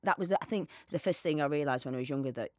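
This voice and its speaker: A woman's voice: low-pitched, rapid-fire, no echo. A woman with a Northern English accent, a guest actor in casual chat, self-deprecating and chatty. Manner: chatty, self-deprecating, slips into lively quoted voices.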